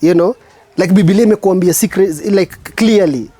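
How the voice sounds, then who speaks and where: A man with a Kenyan accent hosts his show as a spoken word artist, delivering a preachy, reflective monologue with slow, emphatic stresses. His voice is high and mellow.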